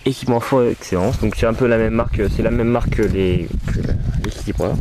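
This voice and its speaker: Low-voiced man, hesitant casual demo. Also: fairly quick. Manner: hesitant, many fillers, talks to camera. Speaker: archery vlogger. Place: outdoors at home. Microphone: camcorder mic. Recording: camcorder recording with background noise.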